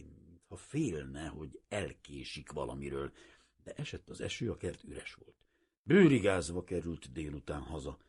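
A man reading a novel aloud in expressive scripted narration. His voice sits low and husky and swings over a very wide melodic range. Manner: expressive storytelling. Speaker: audiobook narrator.

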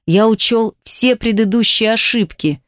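A woman reading as a furious, jealous man hurls rough, swearing accusations at his unfaithful partner. The voice sits fairly high for a man, and the sound is close and dry, with no room around it. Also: unhurried, no room sound, lightly acted. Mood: bitter.

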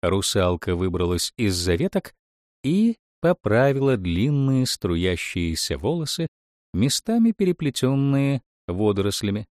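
A man narrates a fairy tale in an expressive storytelling voice. His pitch is mid-range but swings lively through each phrase. The recording is dry and close, with no room sound. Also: a little slow, no room sound. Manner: expressive, animated.

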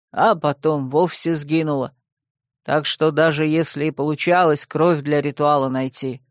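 A woman voicing a stern, brooding old frost king and father, in an audiobook reading. He speaks slowly and gravely. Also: sits low, no room sound, studio quality, voice pushed down. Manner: slow, grave and measured.

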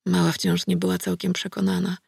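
A woman narrating a first-person audiobook in a calm, measured reading voice. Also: lowish voice, vocal fry, slightly rough, no room sound, clean studio sound.

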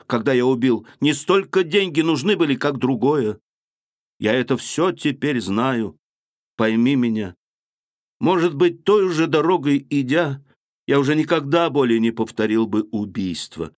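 A man's voice: mid-range voice, lively intonation, normal speed, no echo, clean studio sound, lightly acted. An actor playing a feverish, brooding young man in a literary audiobook reading, with an intense confessional manner.

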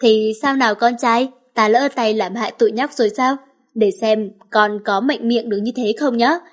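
A woman's voice: on the high side, fairly even intonation, normal speed, close to an everyday voice. A woman reading the lines of a scheming, mocking old male villain in a storybook. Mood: taunting. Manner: taunting, cold.

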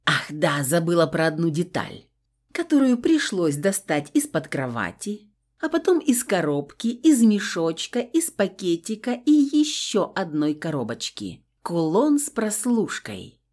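A woman reads a first-person audiobook with wry, ironic humour. Her voice sits fairly low but moves a lot, rising and falling through the sentences. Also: sing-song, measured pace, darkish tone. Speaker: audiobook narrator.

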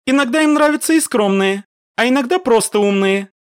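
Coy teasing girl soldier, way up high, man doing her voice, dry close read. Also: animated, a little fast, no room sound, natural voice.

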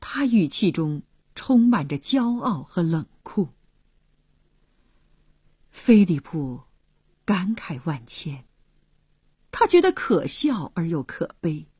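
Very husky woman reading a slow story. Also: fairly low pitch, no echo, clean studio sound. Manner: expressive storytelling, often dropping to a hushed voice. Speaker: narrator. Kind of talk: serialized radio story reading.

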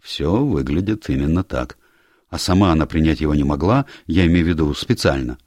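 Man reading a calm, probing country doctor. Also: extremely low pitch, brisk, no room sound, clean studio sound. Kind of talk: audiobook character reading.

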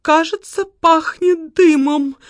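A woman voicing a devoted older female secretary who pleads in a high, sobbing voice. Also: big pitch swings, measured pace, dry recording. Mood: alarmed.

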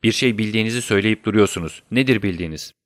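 A man's voice: lowish voice, racing, no room sound, studio quality, close to an everyday voice. A man voicing a proud, emotional noblewoman in an audiobook reading, raising his voice to play her. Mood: indignant. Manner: indignant, emotional. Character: proud noblewoman, defiant then pleading.

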